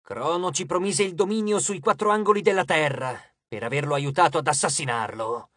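A man voicing a gentle, weary male Titan of the West who works as a janitor, speaking in a low, calm, measured voice. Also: dry recording, clean studio sound. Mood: wistful. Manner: slow, measured, quietly firm.

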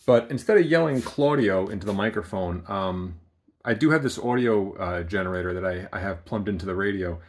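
This amplifier builder's voice sits low, brisk and lively in intonation. He's off camera in a small workshop, casually walking through equipment with plain talk and frequent ums.

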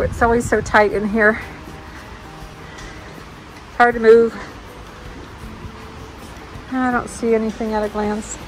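This shop-along vlog features a woman, a thrift store reseller, musing aloud in a chatty, casual way as she browses a large indoor warehouse-style thrift store. Her voice is on the high side. She records on a handheld phone pointed at the shelves, and the recording is rough.

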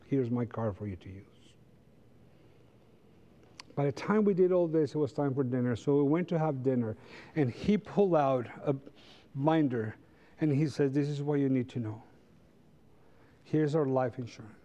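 Here a Sabbath school teacher, a middle-aged Costa Rican man with Spanish as his native language and a Costa Rican accent, gives a conversational church lesson full of rhetorical questions. He stands before the pews of a large church sanctuary, and his medium-pitched, dark-toned voice comes through in a muffled recording.

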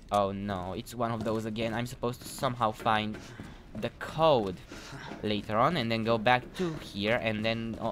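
A man's voice: lowish voice, fairly bright tone. Chatty young man narrating his gameplay, noisy mic. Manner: chatty, self-mocking, reads in-game notes aloud. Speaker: gameplay commentator. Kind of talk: let's play commentary.

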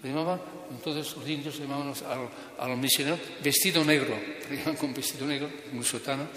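A Spanish priest giving a sermon, telling a story and acting out its dialogue with feeling. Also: male voice, mid-range voice, steady tone, fairly quick, bright, forceful tone, echoey room, big-room sound.

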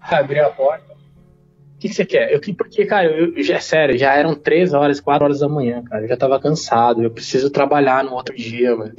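A man who is a podcast guest, telling a personal story in a casual, slangy and animated way. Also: medium pitch, lo-fi sound, faint music behind. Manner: slangy, rapid, animated retelling.

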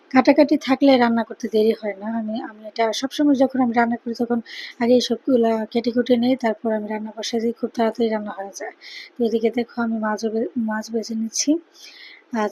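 A woman with a Bangladeshi Bengali accent, talking quietly and tiredly in a casual cooking vlog voice-over, keeping her voice low so she won't wake a sleeping child. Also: breathy edge, low-quality recording. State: tired after a sleepless night. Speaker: vlogger, mother cooking for her daughter.

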